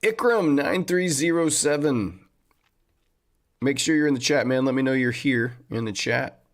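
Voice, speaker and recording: A man's voice: medium pitch, unhurried. A man hosting a trading livestream, chatting casually and upbeat with viewers and calling them man and buddy.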